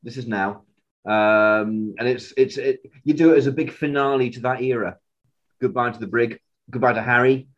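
Man, podcast co-host, casual fan chat, rambling, animated, middling pitch, slightly dull lo-fi sound. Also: moderate pace. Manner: rambling, animated, stammers on restarts.

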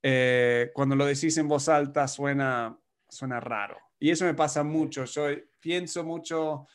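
A man from the United States co-hosts a podcast, giving casual conversational advice about marketing. He explains things in long runs and acts out clients in quoted voices, speaking a little slowly in a smooth, medium-pitched voice with fairly even intonation.

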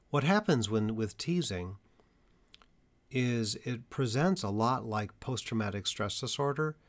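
A male stuttering therapist gives a measured educational talk to parents and teachers, using deliberate, emphatic pauses. His voice is lowish.

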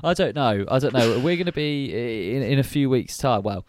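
A man's voice: mid-range voice, animated, normal speed, darkish tone, a little hiss or hum. A young man co-hosting a podcast, chatting casually and rambling with fillers. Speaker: podcast co-host. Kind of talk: casual chat.

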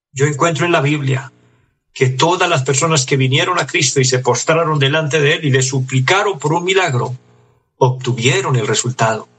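Gravelly, husky-voiced man preaching. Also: on the high side, fairly bright tone. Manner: earnest, pleading preaching, reads scripture aloud. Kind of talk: sermon.

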